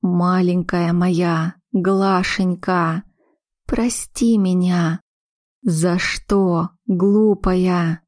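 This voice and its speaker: Woman voicing older mother, stern, sharp-tongued, slow blunt delivery, low voice. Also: steady tone, dry recording, clean studio sound. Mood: tender.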